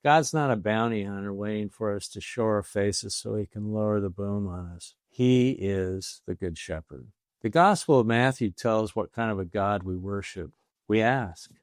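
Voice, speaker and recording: An older American man, in his late sixties or beyond, tells a personal faith story in a folksy, deliberate grandfatherly way, posing rhetorical questions. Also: on the low side, dry recording, studio quality. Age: late 60s or older. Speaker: storyteller giving a faith talk.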